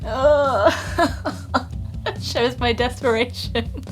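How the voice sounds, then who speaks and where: A woman's voice: on the high side, very slow, faint music behind. A young woman singer chatting between takes in a recording studio, self-critical and laughing often. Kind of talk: casual chat during a recording session.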